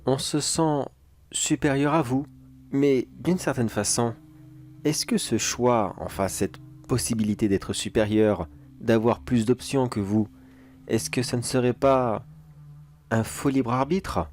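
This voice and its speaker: A man's voice: medium pitch, steady tone, unhurried, darkish tone, a little hiss or hum, lightly acted. A man playing a casual, self-assured security major in a horror audio drama, musing aloud and talking to himself. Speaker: security agent.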